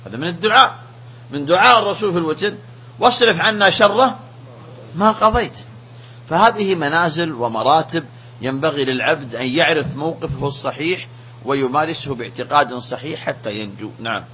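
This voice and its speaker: A man giving a religious lesson as a sheikh, preaching in an emphatic, animated way. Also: a little high, fairly quick, slight background noise.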